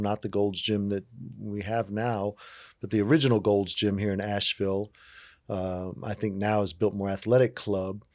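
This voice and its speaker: A man in his fifties from Virginia, a guest telling his life story in a relaxed, candid, self-joking way. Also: lowish voice, dry recording, studio quality. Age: 50s. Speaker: interview guest. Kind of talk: casual storytelling conversation.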